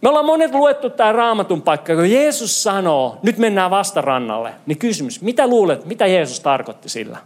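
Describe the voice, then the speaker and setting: Animated high-voiced male preacher. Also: hardly any pauses. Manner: animated, joking, mixes in English. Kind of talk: lively sermon with Bible reading.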